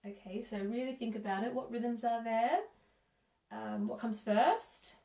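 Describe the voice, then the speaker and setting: A woman teaching a music lesson for young children, counting in and praising warmly. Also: fairly high pitch, measured pace, creaky. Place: room at home. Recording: echoey room, a bit distant.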